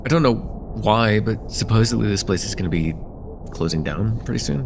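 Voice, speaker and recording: A fairly low, creaky male voice, animated and at a moderate pace, with background noise. A young man plays a friendly, slightly nervous college student in a casual slice-of-life ASMR roleplay chat, sounding disappointed and wistful. He comes across hesitant, stammering, self-deprecating and casual.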